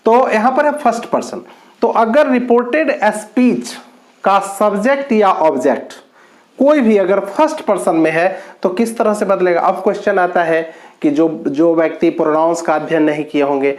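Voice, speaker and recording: A man teaching an English grammar lesson, explaining slowly with drawn-out words and repeated points. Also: high-pitched.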